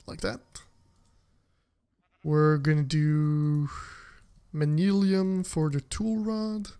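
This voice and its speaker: Slow-talking, laughing game streamer. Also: mid-range voice, steady tone, warm tone, clean tone. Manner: chatty, laughs often, talks to viewers. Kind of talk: casual gameplay commentary.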